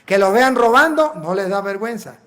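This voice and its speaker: A Venezuelan priest preaching a sermon in an emphatic, repetitive way, full of rhetorical questions. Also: male voice, sits high, lively intonation, a little fast, pushed and bright. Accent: Venezuelan Spanish.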